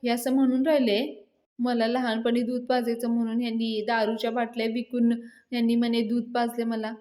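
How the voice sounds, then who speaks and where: Woman voicing a young college man, childish and pleading, higher voice, roomy sound. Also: little pitch movement, normal speed, mellow, natural voice. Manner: pleading, whiny.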